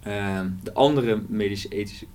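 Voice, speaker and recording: A man's voice: on the low side, measured pace, darkish tone. A man, an author, talking through his novel in a casual interview, hesitant and full of fillers. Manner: hesitant, many fillers and restarts.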